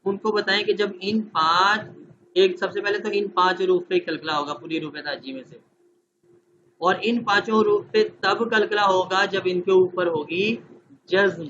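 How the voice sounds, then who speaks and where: A man's voice: sits high, steady tone, bright, forceful tone. Lesson voice of a man coaching teachers, keeps checking understanding, muffled online audio with light noise. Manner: explains step by step, checks understanding with frequent questions; demonstrates letter sounds and recites verses slowly. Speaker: Quran teacher trainer. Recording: dull lo-fi online class audio with faint noise.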